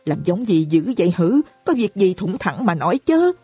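A woman's voice: lowish voice, big pitch swings, normal speed, slightly rough, no room sound, soft background music. A woman voicing a harsh old mother-in-law in an audiobook, snapping scornful rebukes. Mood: scolding. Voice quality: sharp, scolding.

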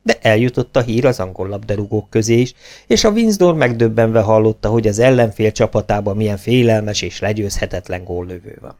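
A man's voice: on the low side, lively intonation, a little mellow. A man reading a children's storybook aloud as narrator, dropping his voice for speech tags. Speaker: audiobook reader.

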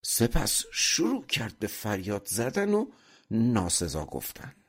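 Low-voiced, lively male storyteller. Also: husky. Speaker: audiobook narrator. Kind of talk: storytelling narration.

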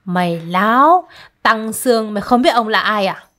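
A woman's voice: fairly high pitch, measured pace. A woman voicing a swaggering, lecherous male soldier who bullies and threatens, in a spoken storybook reading. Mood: bullying. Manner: brash, flirty, then threatening.

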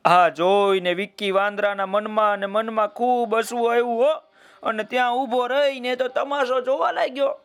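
A man telling a children's story in a folksy, drawn-out way, speaking to his listeners. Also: very high-pitched, flat delivery, a bit bright, clear, resonant tone.

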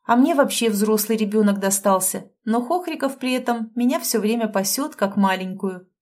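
A woman's voice: on the high side, lively intonation, moderate pace, darkish tone, lightly acted. A woman reading an audiobook, voicing a young mother who complains in the plaintive voice of a village gossip. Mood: complaining. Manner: whiny, complaining.

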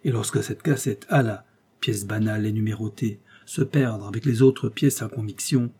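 A man reading a novel aloud in measured, steady scripted narration. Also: lowish voice, breathy edge. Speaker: audiobook reader.

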